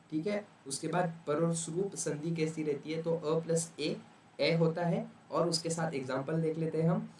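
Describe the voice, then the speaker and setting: A man's voice: a little high, recorded from a distance, a little hiss or hum. Casual man tutoring in an echoey room. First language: Urdu. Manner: casual, repeats "ठीक है" often. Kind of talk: exam revision lecture.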